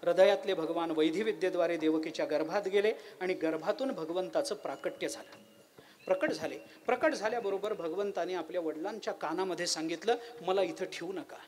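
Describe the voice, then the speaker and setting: A man preaching a devotional kirtan sermon, telling stories with rising excitement and chanting verses slowly. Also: sits high, a little hiss or hum. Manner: animated storyteller, rises to loud excited passages, chants verses slowly. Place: large gathering at a kirtan festival.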